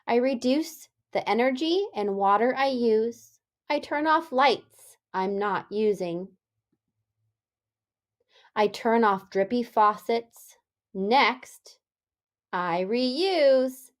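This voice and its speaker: A female elementary school teacher reads aloud to young children in an animated, deliberate way, frequently asking them questions. Her pitch sits fairly high.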